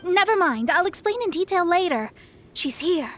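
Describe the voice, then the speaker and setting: Mona, proud high-voiced young astrologist. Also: female voice, animated, moderate pace, fairly bright tone, soft background music. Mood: confident, instructive. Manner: formal, self-important, precise diction. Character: proud young female astrologist, lofty and easily exasperated. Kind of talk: scripted video game voice acting.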